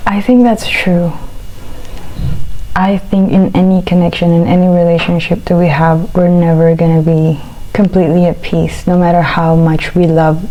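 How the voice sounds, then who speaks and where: A woman chewing while talking, in a casual, reflective eat-with-me chat, speaking haltingly in short phrases. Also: lowish voice, little pitch movement, mellow, low-quality recording. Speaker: vlogger.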